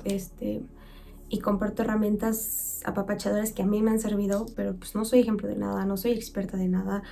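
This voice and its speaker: A chatty young Mexican woman hosts a gentle self-care podcast, speaking like a friend sitting across from you. Her tone is mellow and dark, and soft music runs faintly beneath her voice. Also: medium pitch. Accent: Mexican Spanish. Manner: chatty, warm-hearted advice with playful quoted voices. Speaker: podcast host.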